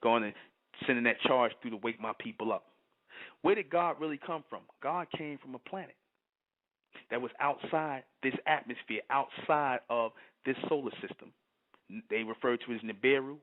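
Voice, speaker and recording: A man's voice: medium pitch, brisk. A man giving an impassioned spiritual monologue, working himself up and repeating "you understand?". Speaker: channel host giving a spiritual talk. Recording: tinny phone-like audio.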